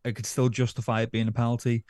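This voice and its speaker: A man co-hosting a football podcast, easygoing and quick to hedge his views. His voice sits at a medium pitch. He is recorded close on a dry mic with no room sound. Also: level tone, a little mellow, dry recording. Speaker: podcast co-host. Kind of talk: casual football podcast chat.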